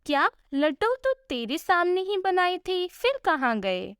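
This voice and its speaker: A woman's voice: very high-pitched, very animated, measured pace, fairly bright tone, dry recording, studio quality, pitched above the performer's own voice, heavily acted. A woman voicing a bossy, sarcastic older mother-in-law who scolds the household in a storybook tale. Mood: annoyed.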